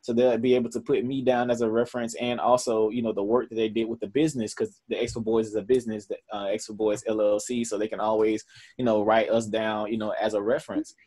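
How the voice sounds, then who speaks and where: A man's voice: on the low side, level tone, fast talker, warm tone, slightly rough. A man in his twenties with a Southern US accent, speaking earnestly in a conversational interview with many fillers and restarts. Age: 20s. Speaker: camp founder.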